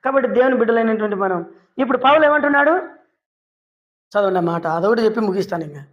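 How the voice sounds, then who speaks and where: A woman preacher giving a storytelling sermon, lively and full of questions she answers herself. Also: on the high side, fast talker, muffled recording. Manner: lively, asks and answers her own questions; acts out quoted people in short voices.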